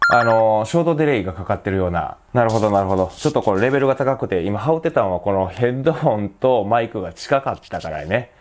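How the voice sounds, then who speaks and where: A man's voice: lowish voice, animated, quick pace, few pauses, a little hiss or hum. Chatty Kansai man testing a mic. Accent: Kansai Japanese. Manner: chatty, thinking aloud with many fillers. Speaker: gear reviewer. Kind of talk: casual mic-test vlog. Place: indoors at home, later outdoors at night.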